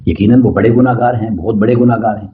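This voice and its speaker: A middle-aged man delivering a Friday sermon as a preacher, chanting Arabic quotations slowly and then explaining them with rising emphasis on key points. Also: lowish voice, slight background noise. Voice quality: recites Arabic hadith in slow measured chant, then explains in Urdu. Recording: dull lo-fi sermon recording.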